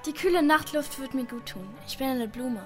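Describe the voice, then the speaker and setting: A woman voicing a proud and fragile flower, speaking softly in a radio play. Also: high voice, fairly quick, faint music behind, close to an everyday voice. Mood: hurt, tender. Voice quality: soft, hushed.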